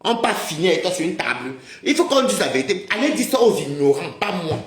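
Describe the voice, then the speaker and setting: In an echoey room, a livestream host fires off an angry tirade at his viewers, mocking them and calling them maman. His voice is high, very animated, and fast.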